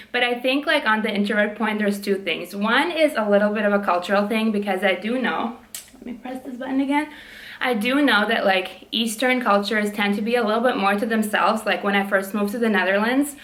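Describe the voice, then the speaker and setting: At home doing her nails, a young woman who's a vlogger and PhD student chats casually, keeping her naturally loud voice down to stay quiet. She's frank and swears freely, filling her speech with lots of "like" and "um." Her voice is mid-range, and the room sound comes through.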